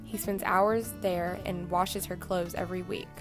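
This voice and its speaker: A woman's voice: on the low side, fairly even intonation, unhurried, over music. A young woman reading a scripted, fond narration about her grandfather.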